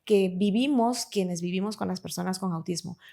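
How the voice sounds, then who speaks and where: A woman's voice: lowish voice, normal speed, creaky, dark tone. A woman with a Guatemalan Spanish accent hosting a podcast, asking guests reflective questions. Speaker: podcast host. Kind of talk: podcast interview.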